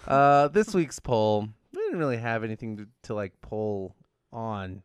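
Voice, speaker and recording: Man, animated intonation, casual comedic banter, laughs often, host, dry sound. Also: on the low side, a little slow, clear, resonant tone, dry recording. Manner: jokey, laughs often while talking. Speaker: podcast host.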